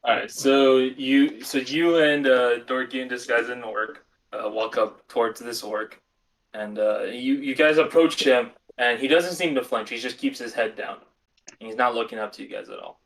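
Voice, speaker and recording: A man narrates a tabletop game as game master in a casual, halting way. His voice sits at a middle pitch. He sounds somewhat distant from the mic.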